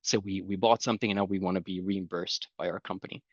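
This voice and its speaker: Speaking fast in a low-pitched, steady tone, a middle-aged man with a Romanian accent gives a conference talk. He's conversational and explanatory, illustrating points with everyday anecdotes and light laughs. The recording is muffled and free of echo.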